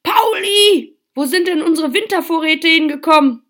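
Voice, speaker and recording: A caring mother rabbit from a Christmas storybook, as a woman puts her on. She sounds bright and motherly. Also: medium pitch, expressive, moderate pace. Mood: alarmed.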